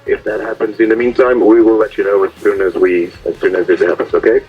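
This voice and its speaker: A man's voice: on the low side, little pitch movement, quick pace, husky, faint music behind. A man working as a marina radio operator, speaking courteously and procedurally over VHF marine radio. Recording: muffled marine radio transmission.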